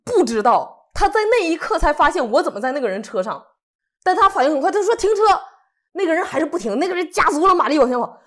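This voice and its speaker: Animated fast-talking woman telling a story. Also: high-pitched. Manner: animated, acts out what people said. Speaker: co-host. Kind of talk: casual storytelling chat.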